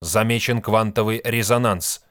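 A man reading an audiobook, voicing a ship's computer with a flat, mechanical, measured delivery. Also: on the low side, dry recording, studio quality. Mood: monotone report.

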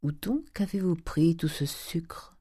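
Reader playing a stern old miser, curt, commanding, mellow dry voice. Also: medium pitch, sing-song, unhurried, no echo.

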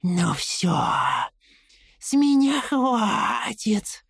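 Lady doing a creepy dry-leaf whisper of a fake old man, super slow, wheedling, storybook. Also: fairly high pitch, animated, full character voice. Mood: cold. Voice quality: breathy whisper. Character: dead whispering old man, rat-made copy, coaxing. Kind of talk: audiobook character voice.

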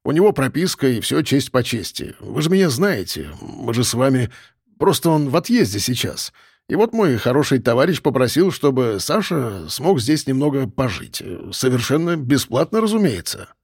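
A male narrator voicing a timid, fawning middle-aged official who speaks nervously and slowly. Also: medium pitch, big pitch swings, creaky, a little mellow, husky, dry recording, clean studio sound, full character voice. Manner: nervous, ingratiating, slow.

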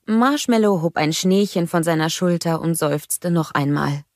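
A woman narrating a children's audiobook in a slow, animated and playful way, close to the microphone. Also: fairly low pitch, dry recording. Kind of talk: scripted storybook narration.

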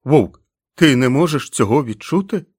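A man voicing a huge but gentle, childlike wolf-man who whimpers and pleads through tears, in a storybook reading. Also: medium pitch, animated, moderate pace, slightly rough, dry recording, clean studio sound, pitched above the performer's own voice. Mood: tearful, soft.

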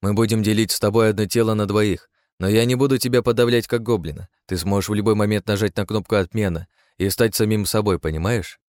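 A man's voice: on the low side, steady tone, quick pace, few pauses, a little mellow, no room sound, natural voice. A man voicing a scheming male protagonist who talks like a demon, coaxing and menacing in a storybook reading. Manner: cold, coaxing, menacing persuasion.

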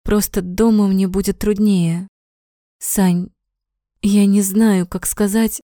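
A woman's voice: mid-range voice, flat delivery, slow, mellow, no room sound, studio quality, natural voice. A woman voicing an emotional, outspoken young woman who swears when upset in a storybook reading. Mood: hesitant.

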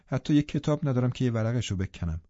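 A man voicing a bored, lonely and restless young woman, speaking softly and wistfully in an audiobook reading. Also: mid-range voice, lively intonation, dry recording, muffled recording, natural voice. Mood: plaintive.

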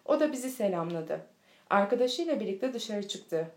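A woman reading a children's storybook aloud in a steady, clear manner. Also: mid-range voice, normal speed. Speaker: audiobook reader. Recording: echoey room.

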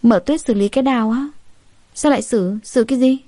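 A woman's voice: fairly high pitch, a little fast, mellow, dry recording, natural voice. A woman voicing a wronged young bride who speaks politely but with indignation.

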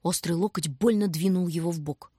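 A woman narrating an audiobook with expressive storytelling. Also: fairly low pitch, a little fast, breathy edge, no room sound, clean studio sound.

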